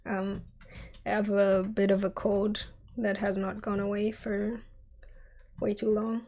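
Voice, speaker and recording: A woman in her twenties sculpts on stream as a 3D artist, giggling and chatting as she answers chat. She speaks slowly in a slightly mellow mid-range voice with little pitch movement, scratchy because of a sore throat and cold.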